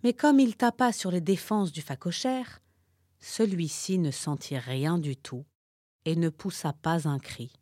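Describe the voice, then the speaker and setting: A woman narrating a children's story in a slow, expressive way. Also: fairly low pitch, no room sound, studio quality.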